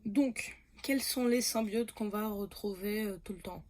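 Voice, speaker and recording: A woman's voice: mid-range voice, a little slow, a little mellow, faint music behind. A woman talking casually about comics for her channel, hesitant, with many fillers, self-corrections and frequent laughs. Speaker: comics YouTuber.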